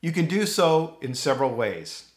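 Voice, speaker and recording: A man's voice: a little high, sing-song, normal speed. Upbeat middle-aged man, echoey room. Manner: upbeat, encouraging announcer tone. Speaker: university official introducing the ceremony. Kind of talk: scripted ceremony announcement. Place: home office with bookshelves. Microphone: fixed camera, chest-up framing.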